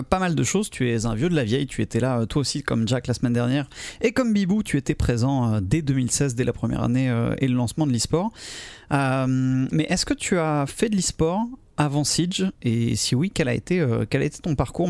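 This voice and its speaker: A man's voice: medium pitch, lively intonation, brisk, creaky, a little mellow, no echo. A man hosting a casual interview podcast, speaking in a chatty, teasing way. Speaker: podcast host.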